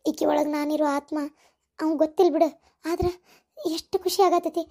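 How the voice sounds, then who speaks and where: A woman voicing a kindly older mother-in-law possessed by a spirit, speaking softly and coaxingly with a North Karnataka accent. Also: high voice, little pitch movement, moderate pace. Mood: content. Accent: North Karnataka Kannada.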